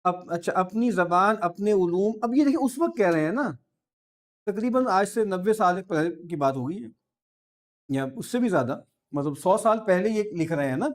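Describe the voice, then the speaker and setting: A man giving an informal, discursive lecture, with asides and soft laughs, and reading verse slowly. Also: high-pitched, animated. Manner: reads verse slowly and drawn out.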